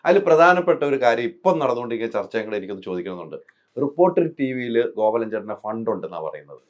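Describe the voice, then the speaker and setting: Fast-talking interviewer. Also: male voice, mid-range voice, sing-song, highs cut off. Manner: quick questions and short agreeing replies. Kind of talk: casual interview talk.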